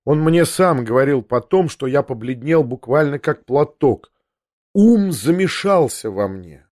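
A man reading a literary audiobook in the first person, narrating in a measured, tense way. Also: mid-range voice, expressive, darkish tone, dry recording, studio quality.

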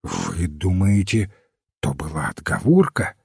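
A man's voice: medium pitch, very animated, measured pace, a little mellow, no room sound, studio quality, exaggerated voice. A man voicing an impatient, blunt police detective who demands plain answers, in a storybook reading. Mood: baffled. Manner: gruff, pressing for plain answers.

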